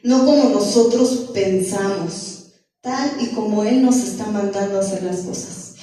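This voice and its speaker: A woman's voice: medium pitch, a little slow, warm tone. A woman preaching a sermon in a church, earnest, often repeating herself and asking the congregation questions. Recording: echoey church room from far off.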